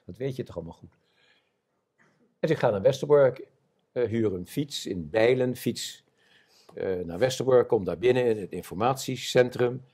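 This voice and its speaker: A man in his seventies, an eyewitness telling his war memories in an interview before an audience, animated and acting out the voices of others. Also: medium pitch, moderate pace, pauses often, slightly rough. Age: 70s. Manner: animated storyteller, acts out quoted voices. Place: stage before a live audience.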